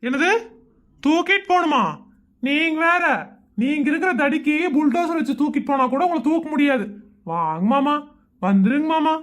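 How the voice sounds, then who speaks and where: An exasperated young husband in a Tamil cartoon, put on by a voice actor, with a raised, fairly high voice. He grumbles and fires off sarcastic complaints. It is homemade animation voicing. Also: animated, moderate pace, fairly bright tone.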